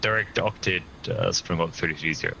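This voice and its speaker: A man's voice: deep voice, normal speed, vocal fry, sharp tone, lo-fi sound. A male airline pilot answering air traffic control over the cockpit radio headset, brief and matter-of-fact.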